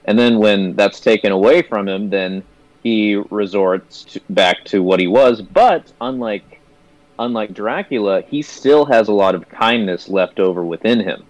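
Low-voiced young man rambling about a movie. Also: unhurried, no echo, poor audio. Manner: rambling, many fillers and restarts. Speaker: movie review podcast co-host. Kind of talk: casual chat.

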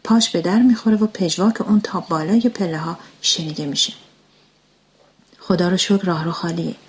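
Woman narrating a story in hushed tones. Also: fairly low pitch, a little hiss or hum. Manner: hushed, often whispered reading.

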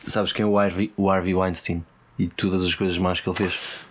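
A man's voice: low-pitched, level tone, brisk. A man with a European Portuguese accent chatting casually and playfully as a podcast co-host, with a teasing manner. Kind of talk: casual comedic chat.

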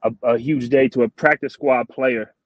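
A man's voice: medium pitch, steady tone, moderate pace, no echo. A young man co-hosting a sports podcast in casual, slangy frat-bro talk, like chatting with a buddy. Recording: dull, dry lo-fi audio.

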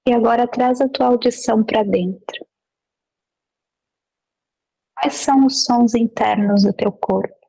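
A woman leading a guided meditation. She gives gentle, unhurried instructions with long pauses between them. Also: a little high, fairly even intonation, vocal fry, husky, low-quality recording.

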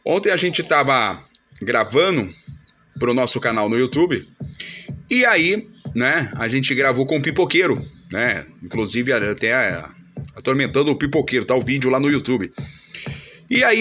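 A man hosting a casual show, slangy and full of fillers like "meu" and "mano," with sponsor shout-outs. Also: medium pitch, lively intonation, normal speed. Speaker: radio-style host. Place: studio. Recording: music playing clearly behind.

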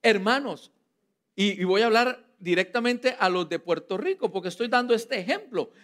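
A man with a Costa Rican accent preaching a lively sermon, playful and teasing with his congregation. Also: high-pitched, moderate pace. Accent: Costa Rican Spanish. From Costa Rica.

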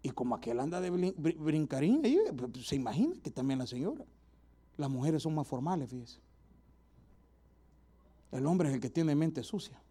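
A preacher presses his listeners with repeated rhetorical questions during his sermon. His voice is high for a man but soft and mellow, slightly rough and sing-song, at normal speed with frequent pauses.

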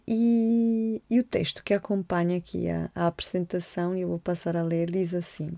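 A Colombian podcast host in her forties tells a personal story as a monologue in a low, gravelly voice, with no echo. She is gentle and reflective, hesitating often and repeating words.

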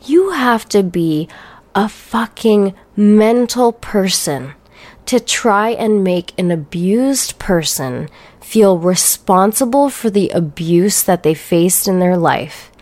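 A woman hosts a solo podcast in an unhurried, drawn-out delivery. She is blunt and profane and rants with a sarcastic edge. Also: mid-range voice, animated, a little mellow. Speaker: podcast host.

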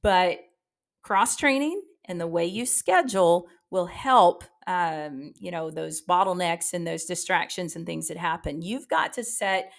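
A middle-aged woman training dental front desk staff in an upbeat, coaching podcast talk, turning lively when she acts out callers. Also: fairly low pitch, measured pace, vocal fry.

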